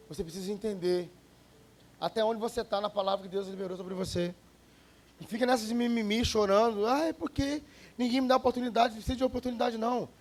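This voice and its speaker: Male pastor, relaxed storytelling sermon, bright high voice. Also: slight background noise. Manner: conversational, storytelling, joking with the congregation.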